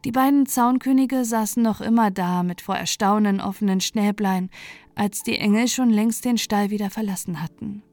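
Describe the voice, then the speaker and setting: Woman, bedtime fairy tale, gentle soft narration, dry close sound, quiet music behind. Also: medium pitch, moderate pace, no echo. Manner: gentle, soft, sometimes whispered. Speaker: storyteller. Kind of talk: calm bedtime story narration.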